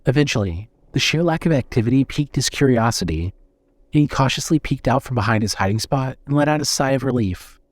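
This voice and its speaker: A man's voice: mid-range voice, lively intonation, a little fast, no room sound. Male narrator reading a horror story.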